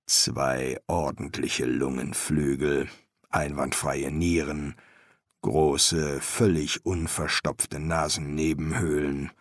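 A deep, slow, weary old master embalmer with dry, patient, deadpan answers, as a male reader plays him. The voice sinks low and drawls along. It sounds flat and unbothered. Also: no echo, full character voice.

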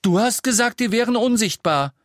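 A man voicing an excited, breathless schoolboy who blurts out gossip. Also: mid-range voice, moderate pace, no room sound, clean studio sound, pitched above the performer's own voice, close to an everyday voice. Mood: teasing. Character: excited boy James, loud, breathless, boastful.

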